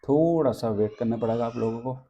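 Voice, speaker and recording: A man's voice: mid-range voice, a little fast, mellow, highs cut off. A male teacher running an exam-prep lesson, asking questions and answering them himself and repeating key points.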